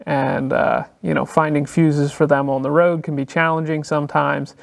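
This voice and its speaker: A man hosting a casual walkthrough of a vehicle build in an indoor workshop, explaining things in a relaxed way with frequent filler sounds, recorded on the handheld camera he films with. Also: fairly high pitch, normal speed, gravelly. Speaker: car builder and channel host.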